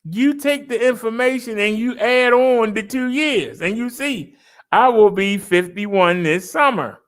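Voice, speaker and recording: A man's voice: very high voice, unhurried. A man in his fifties venting in a casual vlog, argumentative and repeating his points. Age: 50s. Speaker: vlogger. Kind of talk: casual ranting monologue.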